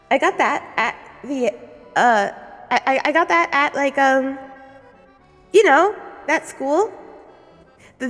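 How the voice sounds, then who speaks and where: A woman streamer chatting casually with viewers, giggly and rambling, stumbling over words, her voice echoing through a cave. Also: high-pitched. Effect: cave echo. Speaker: livestream host. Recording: long echoing cave reverb.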